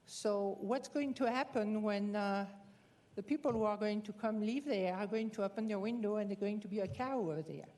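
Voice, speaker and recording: A woman's voice: medium pitch, a little mellow. A middle-aged woman with a French accent speaks up at a public meeting as a cattle rancher. She presses her questions directly, with a mildly indignant edge. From France.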